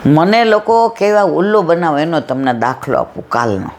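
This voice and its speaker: A woman's voice: low voice, big pitch swings, moderate pace, slight background noise. A woman giving a devotional satsang talk, telling anecdotes with acted-out dialogue and rhetorical questions. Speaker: satsang speaker.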